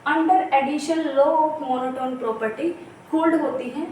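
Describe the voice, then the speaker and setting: A woman's voice: high-pitched, takes it slowly, darkish tone. A woman teaching math step by step, repeating key terms and asking herself rhetorical questions. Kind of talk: exam-prep lecture on real analysis. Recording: echoey room, mic at a distance, faint background noise.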